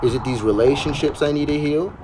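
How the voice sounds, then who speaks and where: A man's voice: fairly high pitch, fast, heavy background noise. A man hosting a casual spiritual chat, talking in a preachy, blunt and slangy way. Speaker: podcast host.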